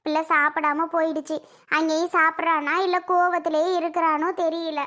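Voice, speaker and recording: A performer with a very high, bright voice plays a fretting middle-aged mother-in-law in a family comedy skit, pleading and scolding by turns. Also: level tone, brisk.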